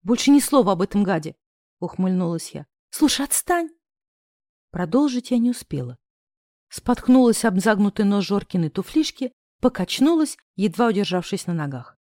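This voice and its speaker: A woman narrating a novel in the first person, expressive and acting out the other characters' lines. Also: mid-range voice, moderate pace, dry recording, studio quality. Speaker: audiobook narrator.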